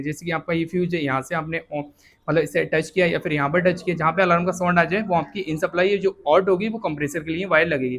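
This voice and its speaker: A man teaching a step-by-step repair, explaining each check plainly and often pausing to confirm with the viewer. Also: a little high, a bit bright. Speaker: repair instructor. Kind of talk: hands-on repair tutorial.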